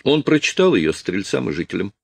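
A man's voice: on the low side, sing-song, a little fast, creaky, no room sound, voice pushed up, heavily acted. A man voicing a loyal deputy officer who explains things earnestly.

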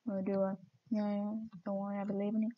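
A woman's voice: mid-range voice, monotone, fast, highs cut off. A woman streaming her gameplay, chatting casually and mocking herself with giggles as she plays.

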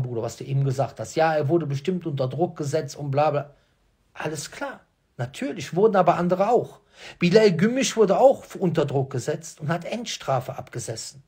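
A man's voice: a little high, darkish tone, breathy edge. A man hosting his own channel, addressing viewers in an emphatic monologue, repeating key phrases and firing off rhetorical questions. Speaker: host.

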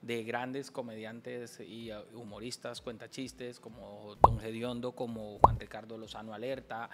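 A man with a Colombian accent, a comedian hosting a casual chat and telling jokes with animated acted-out voices. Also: lowish voice, in a large hall, heavy background noise. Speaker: comedian and show host.

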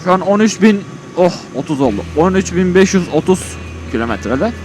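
With a high, lively voice and a fairly quick pace, a man rambles casually from inside his motorcycle helmet while riding on an open road, thinking aloud for his vlog. The background is noisy, carrying music and road vehicle sounds.

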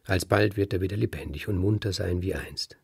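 A man voicing a talking sheep who is a gentle old grandmother, speaking in a hushed, slow, earnest way. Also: sits low, creaky, breathy edge, no echo, studio quality, heavily acted.

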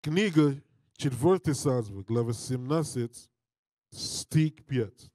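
A man preaching and reading scripture in non-native Russian with a foreign accent, halting and repeating his phrases. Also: mid-range voice, warm tone, dry recording, studio quality. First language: not a native Russian speaker. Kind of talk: Bible teaching with scripture reading. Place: indoor studio with draped backdrop. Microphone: handheld mic held close.

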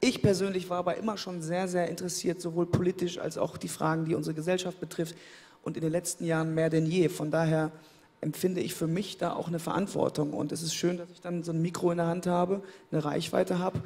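Seated in an armchair on an indoor studio stage, a German-speaking pop singer in his thirties answers interview questions through a handheld microphone. He sounds brisk, gravelly and somewhat high, relaxed and thoughtful, frequently repeating words while looking for the right ones.

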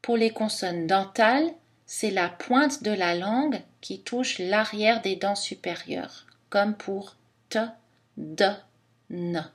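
Slow, careful woman teaching phonetics. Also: medium pitch. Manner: slow, careful delivery that demonstrates each sound. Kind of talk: scripted lesson narration.

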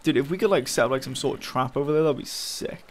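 A man's voice: medium pitch, fast. A young man giving casual, frustrated commentary while playing a game, swearing often and talking to his viewers. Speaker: gaming channel host.

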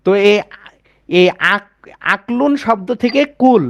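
Man, high voice, pronunciation teacher, slow patient explaining, repeats words, asks students to confirm, dry close mic. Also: creaky, dry recording, lo-fi sound. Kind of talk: online class on Arabic pronunciation.

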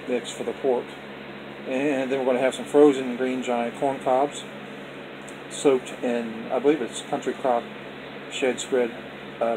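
Showing his dinner at the dining table at home, a vlog host speaks off camera in a mid-range voice for a casual food vlog. He's folksy and repetitive, blessing his viewers over household noise.

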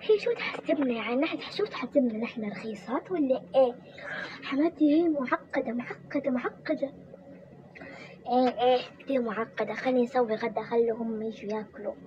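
A woman's voice: on the high side, a little fast, natural voice. A woman voicing a weary young wife in a toy role-play drama, chatting and complaining about her in-laws. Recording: muffled with background noise.

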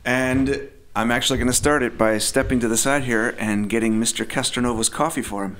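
A man's voice: medium pitch, steady tone, brisk, a bit bright. A man hosting a podcast who interviews his guest in a friendly, enthusiastic, casual way, using fillers like "like" and "um". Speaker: podcast host.

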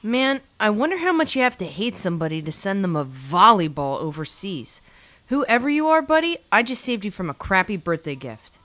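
A woman's voice: medium pitch, big pitch swings, normal speed, a bit bright. A woman playing a sarcastic stranded castaway who talks to her volleyball companion. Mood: sardonic.

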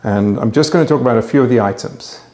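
A middle-aged man with a medium-pitched, slightly mellow voice speaks at a quick pace, reverberant, as he hosts a magic auction. Casual and promotional, he addresses the camera from a home bar room on a lapel mic, chatty but halting, with restarts and fillers.

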